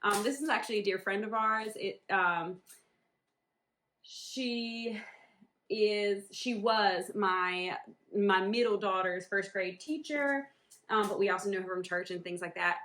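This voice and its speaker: In a relaxed vlog, a Northern New England woman from the USA talks about the embroidery business she runs at home, wandering off topic with many ums and likes. She speaks a little slowly in a mid-range, slightly bright voice.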